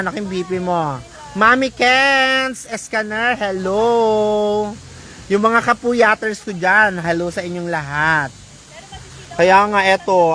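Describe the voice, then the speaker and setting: A woman's voice: mid-range voice, slight background noise. A woman from the Philippines livestreaming outdoors on an island beach, chatting casually and greeting her viewers one by one by name. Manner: chatty, reads out viewer names and shout-outs. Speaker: vlogger on a livestream.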